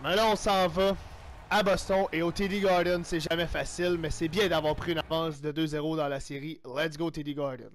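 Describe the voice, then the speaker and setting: Quebec French gamer guy, high voice, calls his own hockey game play by play, quick to shout. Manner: excitable, loud outbursts, sprinkles English exclamations. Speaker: gaming YouTuber.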